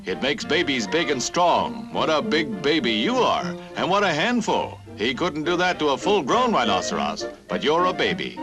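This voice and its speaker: A man narrating a 1950s newsreel in a brisk, punchy announcer style, dramatic on serious stories and jokey on light ones. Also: medium pitch, wildly swooping pitch. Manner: brisk, punchy announcer delivery with playful asides. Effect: old newsreel recording. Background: music.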